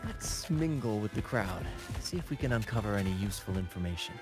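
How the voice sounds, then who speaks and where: A man with a fairly low, expressive voice, a little fast and close to how he'd normally talk, plays a flamboyant young troupe leader in a video game. The performance is playful and gallant, full of theatrical, flowery phrasing and showmanship. Game music plays behind him.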